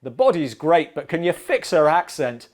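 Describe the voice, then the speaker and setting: A man's voice: fairly high pitch, big pitch swings, normal speed. A man hosting a comedic bad-movie review, narrating with dry sarcasm. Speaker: film reviewer host.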